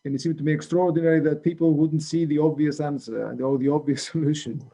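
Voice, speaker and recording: Man, 60s, from Greece, gravelly, somewhat high, hesitant, interview guest. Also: steady tone, fast, dark tone. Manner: hesitant, frequent ums and restarts. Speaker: economics professor, interview guest. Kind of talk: reflective interview answers.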